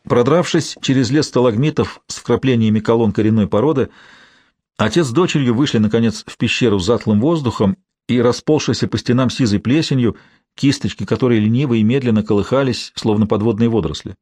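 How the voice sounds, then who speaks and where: A male narrator reads a suspense audiobook, steady and measured, in a mid-pitched voice. The recording is dry and close, with no room sound. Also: no room sound. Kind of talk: scripted narration.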